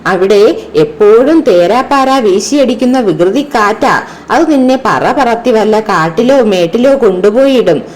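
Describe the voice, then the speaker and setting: Storybook read-aloud: woman playing an anxious protective little girl, high, lively, fretful. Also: a little slow. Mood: insistent. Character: caring little girl, anxious big sister.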